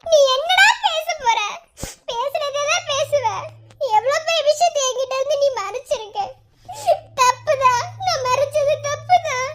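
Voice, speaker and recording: A woman's voice: very high-pitched, unhurried. A woman voicing a tearful young cartoon wife with a Madurai Tamil accent, sobbing and scolding in a childlike whine. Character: tearful young wife grieving a lost baby. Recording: loud background noise.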